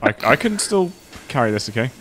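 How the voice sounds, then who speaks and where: A man's voice: medium pitch, brisk, over a noisy crowd. A man streaming a shooter game with friends, chatting casually and laughing at his own mistakes. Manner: giggly, self-mocking, lively. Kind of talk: casual gaming chat with friends.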